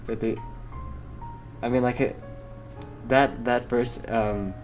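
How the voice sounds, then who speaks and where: A man's voice: mid-range voice, steady tone, slow, soft background music. A young man co-hosting a casual podcast, easygoing and hesitant with many fillers. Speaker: podcast co-host. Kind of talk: casual chat.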